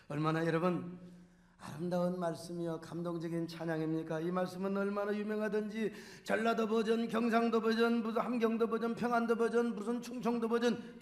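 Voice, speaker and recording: A middle-aged man pastor preaching a sermon emphatically, with many rhetorical questions and humorous asides to the congregation. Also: high-pitched. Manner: humorous, addresses the congregation directly. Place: large church sanctuary. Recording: echoey church sanctuary.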